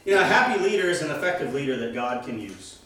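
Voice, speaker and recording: A man leads a Bible lesson in an emphatic way, putting questions to the class. His voice sits a little high. It rings through a very echoey room, picked up from some distance. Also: sing-song, quick pace, a bit bright. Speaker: church teacher.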